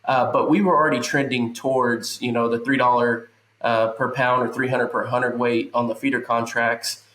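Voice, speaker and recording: A man's voice: mid-range voice, level tone, a bit bright. Nasal-sounding man talking market prices. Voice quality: nasal from allergies. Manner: measured, many "uh" fillers, reads prices aloud. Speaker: agricultural economist guest. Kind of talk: casual market analysis. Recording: roomy echo.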